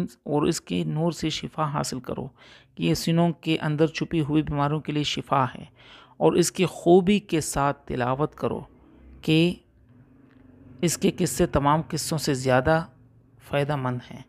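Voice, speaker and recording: Gravelly man teaching Quran recitation. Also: a little high, darkish tone. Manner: explanatory, repeats letters slowly to demonstrate pronunciation. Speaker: religious teacher. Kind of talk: Urdu Quran recitation lesson.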